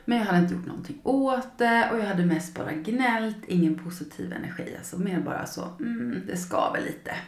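A woman's voice: mid-range voice, lively intonation, few pauses, roomy sound. A woman hosting a personal podcast as a coach, speaking emotionally and acting out her past feelings as she tells a story.

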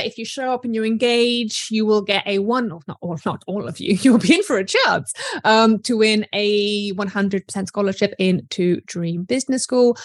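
A woman's voice: mid-range voice, dry recording. Chatty woman business coach, dry sound. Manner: chatty, casual, lots of fillers. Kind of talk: live online coaching session.

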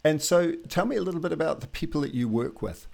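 A man's voice: fairly high pitch, lively intonation, fast talker, creaky, a little mellow. A man hosting a podcast, reading a scripted introduction, then interviewing a guest in an easy, conversational way. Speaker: podcast host.

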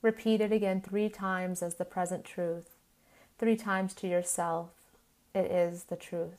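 A woman guiding a yoga nidra relaxation in the soothing manner of a sleep story narrator, in measured short phrases with long pauses. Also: lowish voice, steady tone, a little mellow.

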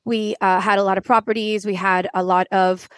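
A woman's voice: medium pitch, little pitch movement, a little fast, dry recording. A woman in her forties from Venezuela, a podcast guest telling a personal story earnestly, with frequent restarts. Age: 40s.

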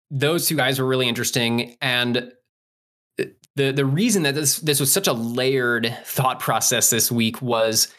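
Bright-voiced man talking fantasy sports. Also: mid-range voice. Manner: thinking aloud, conversational with frequent asides. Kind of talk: casual analytical podcast talk.

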